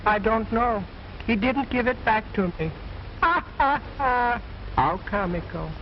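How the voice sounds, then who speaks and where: Wooden dummy boy, sassy, boastful, broken English, slow drawn-out delivery, muffled noisy old film soundtrack. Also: medium pitch, lively intonation. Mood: wisecracking. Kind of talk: old-time ventriloquist stage act in a film.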